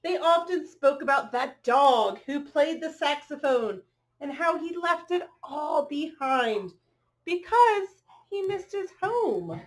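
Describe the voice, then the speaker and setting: Her voice is high and very animated as she takes her time reading a children's picture book. Along the way she chats in asides, exclaims, and poses questions to keep listeners involved.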